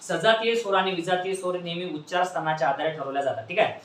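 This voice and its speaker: A man's voice: sits high, steady tone, fast talker, fairly bright tone. A man teaching grammar in a classroom lecture, asking questions over and over and prompting his students to answer back. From Maharashtra, India. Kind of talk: classroom lecture with call-and-response. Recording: echoey classroom from far off.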